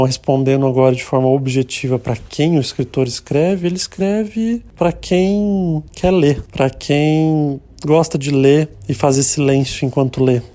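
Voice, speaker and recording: A male author explains his answer plainly and directly. His voice has a mellow, darker tone. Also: mid-range voice.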